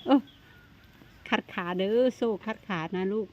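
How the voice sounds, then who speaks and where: A woman gives lively vlog commentary. She keeps calling out to a young elephant and coaxing it. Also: a little slow, dull audio, a little hiss or hum. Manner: animated, exclaiming, coaxing an animal. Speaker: elephant keeper filming a young elephant.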